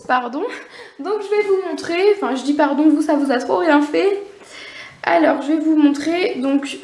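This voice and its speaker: A young woman giving a casual, unscripted nail art tutorial, talking quickly with many fillers and apologies. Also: very high voice, a little mellow. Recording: echoey room.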